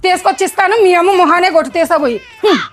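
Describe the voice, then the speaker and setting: A woman's voice: extremely high pitch, expressive, very fast, background noise. A woman playing a melodramatic, scolding mother in a scripted comedy sketch. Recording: music playing underneath.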